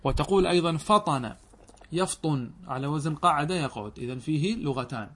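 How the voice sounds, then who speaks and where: Middle-aged guy teaching arabic grammar, patient, keeps checking the class is following, reads the verses out slow. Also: fairly high pitch, animated, fairly bright tone, slightly rough. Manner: explains patiently, checks students understand; reads quoted verses aloud slowly. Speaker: religious scholar teaching grammar.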